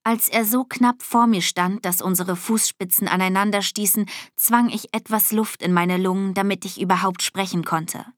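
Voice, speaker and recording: A woman reading a first-person novel aloud, lively, breaking into high, excited bursts in the dialogue. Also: moderate pace, few pauses, no echo, studio quality. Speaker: audiobook narrator.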